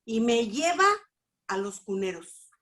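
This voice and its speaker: A middle-aged woman gives a personal testimony at a church family class, telling her story with lively expression and acting out what people said. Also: a little high, unhurried. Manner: animated storytelling, acts out dialogue. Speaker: speaker at a church family school.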